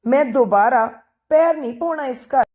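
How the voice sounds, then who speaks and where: Woman doing a young bride-to-be, tearful and sharp-tongued, slightly high voice, storybook reading. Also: expressive, moderate pace. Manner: tearful, sharp-tongued teasing with her friend. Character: young woman upset about her arranged match.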